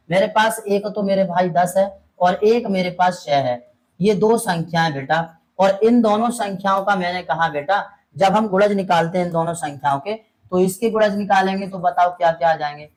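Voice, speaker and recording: A man's voice: high voice, low-quality recording. A male maths teacher giving an online lesson, coaxing his students along, checking again and again whether they follow, and calling them fondly "beta" and "my brother".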